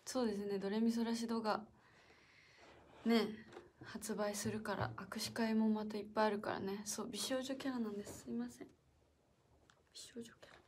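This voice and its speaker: A young woman hosting a casual solo livestream. She is chatty and playful, reads out viewer comments, laughs often and sometimes drops to a soft whisper. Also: medium pitch, little pitch movement, brisk, a little hiss or hum. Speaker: idol livestream host. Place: indoor room with a piano.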